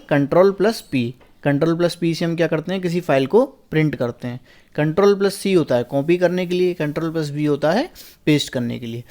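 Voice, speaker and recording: A young male teacher, his fairly high voice carrying a darkish tone, walks through a past exam paper by posing each question and answering it himself. When reading the English lines, he slows right down and goes word by word.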